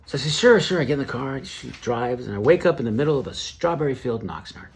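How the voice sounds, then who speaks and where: A man's voice: medium pitch, quick pace, a little mellow, slightly rough. A middle-aged man hosting an awards ceremony in standup comedy style, punchy and storytelling.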